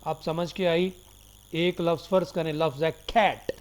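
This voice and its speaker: A man giving a recorded phonology lecture, slowly explaining terms, switching between Urdu and English and politely addressing his students. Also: a little high, fairly even intonation. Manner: addresses listeners politely as "janab" and "dear students".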